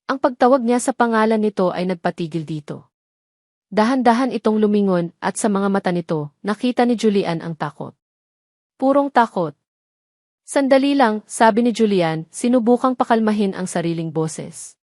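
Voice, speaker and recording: Narrating a scripted dramatic story, a woman reads with lively intonation at a moderate pace. Her voice is medium-pitched with a darkish tone. It is captured in clean studio sound with no echo.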